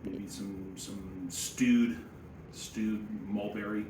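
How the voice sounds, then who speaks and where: A man's voice: on the low side, level tone, very slow. Guy doing sommelier tasting notes, kinda wry and opinionated, lots of jargon, echoey room w a bit of background noise. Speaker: sommelier and presenter. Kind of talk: casual wine tasting commentary.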